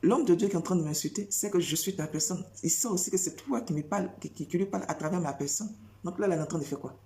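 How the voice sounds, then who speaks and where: Une femme qui prêche sans notes, répète ses phrases et enchaîne les questions rhétoriques avec insistance. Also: female voice, fairly low pitch, quick pace, dark tone. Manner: repetitive, rhetorical questions, emphatic. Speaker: preacher. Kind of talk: spontaneous preaching monologue.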